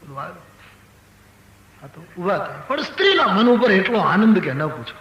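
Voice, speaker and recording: Older man telling animated sermon stories. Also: high voice, moderate pace, highs cut off. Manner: animated storytelling, acting out characters with raised voice. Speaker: spiritual storyteller. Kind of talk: Gujarati religious discourse with anecdotes. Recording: echoey hall with faint ambience.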